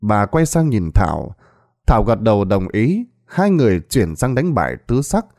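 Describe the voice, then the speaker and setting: Lively male storyteller, dark tone. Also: fairly low pitch, moderate pace, dry recording, studio quality. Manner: lively storytelling with many acted voices. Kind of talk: scripted narration.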